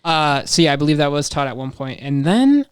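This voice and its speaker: A man's voice: fairly high pitch, sing-song, brisk, clear, resonant tone, no echo, clean studio sound. A nineteen-year-old man from Wisconsin, a podcast guest who thinks aloud in a casual, rambling way with trailing asides.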